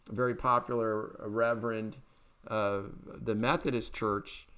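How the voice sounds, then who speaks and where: A man's voice: mid-range voice, a bit bright. A man hosting a political commentary show, talking in a rambling way with many fillers and restarts. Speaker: podcast host.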